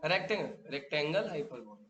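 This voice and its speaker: A man's voice: on the high side, very animated, a little fast, a bit bright, lo-fi sound. A male teacher lecturing a class, drilling students with repeated questions and calling them beta.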